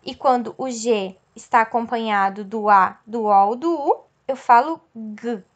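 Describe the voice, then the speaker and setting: A woman's voice: a little high, highs cut off. A woman teacher explaining a lesson patiently, checking in with her class and stretching out example words. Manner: slow, explanatory, checks in with "certo?" and "ok?".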